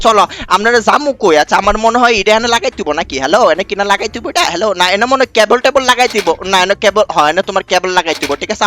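Fast, bright young gamer man. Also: high voice. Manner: excitable, dramatic, pleading and shouting in mock panic. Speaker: gaming YouTuber. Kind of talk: horror game commentary.

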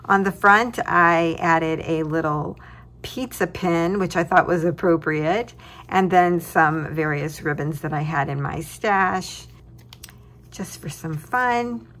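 A woman's voice: lowish voice, a bit bright, slight background noise. A woman hosting a craft tutorial, walking through her project at a tabletop desk with cheerful chuckles. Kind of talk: relaxed crafting walkthrough.

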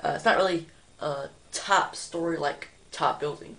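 Teen male parody news anchor, bright forceful voice, rambling homemade delivery, echoey small room. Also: a little high, normal speed, creaky. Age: teenager. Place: small bare room indoors. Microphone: handheld phone or webcam at arm's length.

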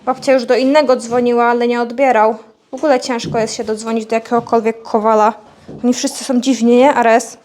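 A woman's voice: on the high side, level tone, a little fast, a little mellow. A young woman vlogging outdoors on a farmyard, chatting casually to her animals and playfully scolding them.

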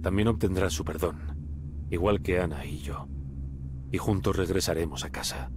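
A man's voice: sits low, moderate pace, noisy background. An actor playing a pensive young soldier, narrating his journey in a scripted video game monologue.

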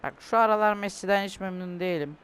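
A man's voice: sits high, fast talker, a bit bright. A young man commentating his own football video game, ranting and complaining with lots of swearing. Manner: frustrated, swears often, rants and complains. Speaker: gaming youtuber.

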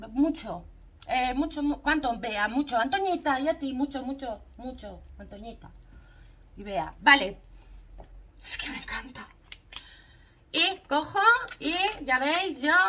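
A chatty woman with a Spanish accent and a fairly high voice reviews makeup for her followers, gushing over each product. She talks casually and warmly to the viewers. The camera sits in a ring light a short way off in her room. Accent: Spanish from Spain. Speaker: beauty vlogger. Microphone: camera mounted in a ring light, a bit back.

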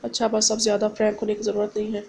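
A woman voicing a young blind wife who pleads tearfully and flares up quickly, read as part of a novel. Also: medium pitch, completely flat delivery, vocal fry, dark tone, slight background noise. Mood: annoyed.

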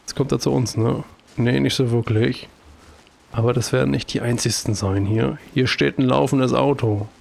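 A let's play host with a German accent casually comments while playing a video game, chatty and talking to himself with jokey exclamations. His mid-range voice is steady, creaky, and a little mellow, moving at a moderate pace.

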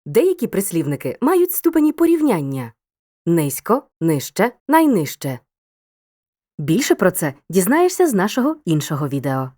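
Lively, encouraging woman teaching a lesson. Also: on the low side, normal speed. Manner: clear, upbeat, encouraging teacher tone. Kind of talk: scripted educational narration.

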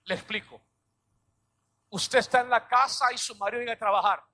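A male pastor preaching a sermon, dramatic, acting out little scenes and shouting key lines. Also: very high voice, fairly quick.

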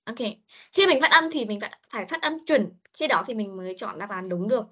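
A woman's voice: medium pitch, lively intonation, brisk, sharp tone, husky. A woman English teacher, giving an online pronunciation lesson and drilling each sound and word several times. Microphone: video call. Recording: muffled online meeting audio.

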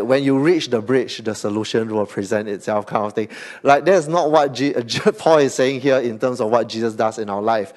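In a mid-range voice, a Singaporean man preaches as a pastor with plenty of animation. Tags like "okay?" and "right?" punctuate his lines as he alternates loud, emphatic moments with soft asides.

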